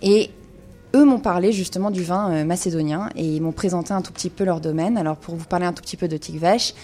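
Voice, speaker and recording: A woman's voice: fairly low pitch, quick pace, dark tone, soft background music. A woman giving a radio wine segment, explaining in an informative way with frequent hesitations. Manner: informative, many hesitations with euh. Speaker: wine columnist.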